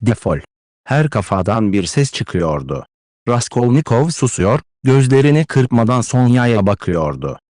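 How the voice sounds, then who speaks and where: A man reading a classic novel aloud as an audiobook narrator, measured and expressive. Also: medium pitch, dry recording, clean studio sound. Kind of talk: scripted literary narration.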